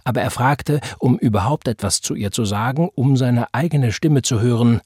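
A husky-voiced man narrates a literary audiobook at a mid pitch, grave and measured. The recording is close and dry, with no room sound. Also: darkish tone, no room sound.

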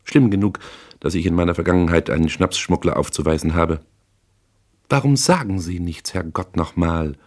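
A man reading a book aloud, voicing a cool, sharp-tongued wealthy young woman with a cold, clipped manner. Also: sits low, normal speed. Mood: irritated.

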